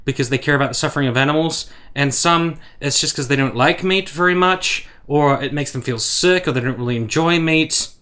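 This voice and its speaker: A man's voice: on the high side, fairly quick, hardly any pauses, pushed and bright. A man giving blunt, sarcastic, profane opinion commentary for a vlog. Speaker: commentary YouTuber.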